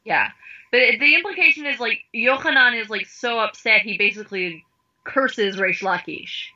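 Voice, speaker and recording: A woman's voice: on the high side, normal speed, pushed and bright, lo-fi sound. A woman in a casual study discussion, talking chattily with constant "like" fillers and sarcastic paraphrases of the text. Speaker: study partner.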